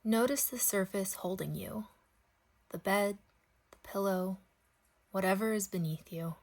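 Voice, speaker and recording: A woman guides a sleep meditation in a mid-range voice, speaking softly in slow phrases separated by long pauses.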